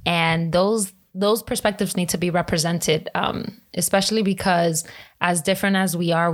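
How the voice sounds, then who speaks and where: A young US-born woman co-hosting a podcast, earnest and reflective, mixing Spanish and English. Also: on the low side. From United States, Dominican parents. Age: young adult. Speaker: podcast co-host. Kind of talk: bilingual casual chat.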